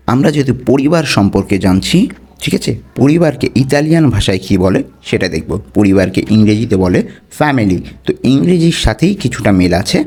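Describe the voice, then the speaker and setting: A man who speaks Bengali as his first language, teaching vocabulary slowly, repeating each word and its meaning and checking in with the listener. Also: lowish voice, darkish tone. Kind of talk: slow repetitive vocabulary lesson.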